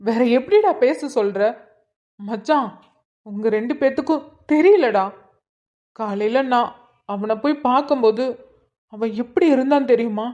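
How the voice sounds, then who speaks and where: A woman playing an angry young man, high and dull. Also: expressive, unhurried, long pauses, warm tone. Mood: pleading. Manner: pleading, accusing. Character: angry young man scolding his sister. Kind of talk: cartoon voice acting.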